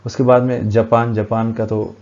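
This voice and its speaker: A man teaches a current affairs lesson for exam preparation, reading quiz questions and explaining the answers at a board with frequent hesitations. His fairly low voice has a level tone and darkish quality at normal speed, and the recording sounds muffled.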